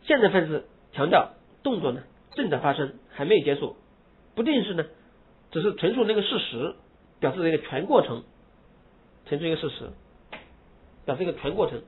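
A man teaching English grammar, explaining in Mandarin and reading English example phrases slowly and with emphasis. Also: fairly high pitch, very animated. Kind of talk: lecture. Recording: husky lo-fi phone-like recording.

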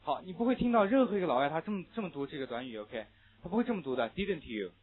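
A man's voice: fairly high pitch, very animated, rapid-fire, crowd noise. A young adult man teaching English pronunciation to a class, explaining sound changes and having students repeat phrases after him. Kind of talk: classroom lecture. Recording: muffled phone-like lo-fi audio.

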